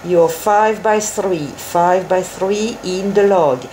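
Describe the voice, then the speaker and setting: Slow-paced woman operating ham radio. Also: on the low side, mellow, a little hiss or hum, rough recording. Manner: repeats call signs and confirmations. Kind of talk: ham radio contact, phonetic call signs and signal reports. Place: indoors at a desk with radio set.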